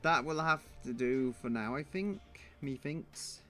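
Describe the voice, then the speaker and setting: A man's voice: medium pitch, expressive, normal speed, pushed and bright, soft background music. A man streaming his drawing, thinking aloud in a muttering, self-deprecating way.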